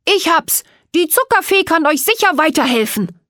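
Storybook gingerbread man, huffy and excitable, pitched up high by a woman narrator. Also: moderate pace, no room sound, clean studio sound. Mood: excited.

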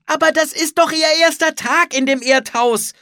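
A storybook reader voicing a worried young girl who pleads urgently, shouting in alarm. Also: medium pitch, unhurried, slightly rough, no echo, clean studio sound. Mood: alarmed pleading. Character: frightened young girl, earnest and caring. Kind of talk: audiobook character voice.

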